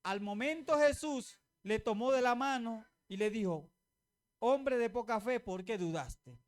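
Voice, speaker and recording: A woman pastor delivering a sermon in a smooth, resonant voice. She keeps the congregation involved, having them repeat phrases back and throwing out questions for them to answer. She makes her points with everyday examples and a teasing humor. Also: on the high side, lively intonation, unhurried. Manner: calls on congregation to repeat, asks rhetorical questions.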